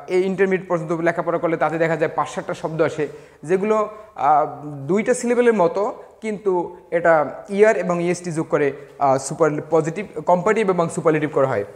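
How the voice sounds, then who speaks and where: A man teaching a grammar lesson to students, speaking slowly and deliberately, spelling words out letter by letter and pausing with hesitations. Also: high-pitched. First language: Bengali. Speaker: English teacher.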